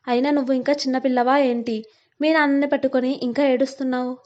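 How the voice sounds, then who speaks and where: A woman voicing a gentle, loving middle-aged father who reassures his daughter, in a storybook reading. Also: high voice, little pitch movement, fast, muffled recording, natural voice. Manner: soothing, reassuring.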